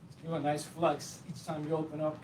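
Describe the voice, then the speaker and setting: A man's voice: on the high side, completely flat delivery, a little fast, echoey room. A man leading a short home workout, explaining each exercise in a casual, encouraging way as he does it. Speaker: fitness instructor. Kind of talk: workout demonstration. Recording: distant mic with clear background noise.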